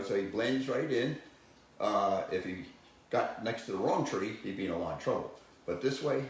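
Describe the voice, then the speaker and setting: A man who works as a wildlife educator, giving a casual, rambling talk about live owls, often chuckling and filling pauses with "uh". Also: lowish voice. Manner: rambling, chuckling, many fillers and restarts. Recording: very echoey room, faint noise.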